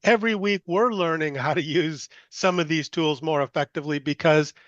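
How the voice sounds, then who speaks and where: A tech show co-host who talks about new tools in an upbeat, enthusiastic way. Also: male voice, on the high side, moderate pace, fairly bright tone, no echo. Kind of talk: panel discussion. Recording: dull, muffled dry mic.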